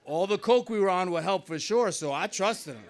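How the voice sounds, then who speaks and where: A middle-aged man from New Jersey laughs often as he tells a wry personal story in a conversational way at a small live venue. His voice is high, with lively intonation and a moderate pace.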